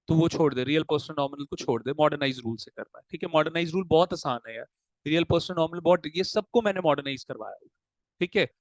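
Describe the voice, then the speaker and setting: High-voiced male tutor quizzing his class. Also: fairly bright tone, no echo, poor audio. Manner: drills students with rapid call-and-answer questions; fatherly, calls students "beta". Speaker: commerce tutor. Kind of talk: classroom lecture mixing Hindi and English. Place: coaching classroom.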